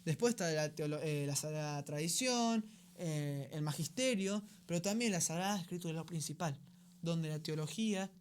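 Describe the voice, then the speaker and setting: A man's voice: fairly high pitch, a little hiss or hum. A man with a Rioplatense Spanish accent hosting a radio program, giving a conversational teaching talk and often checking in with his listeners.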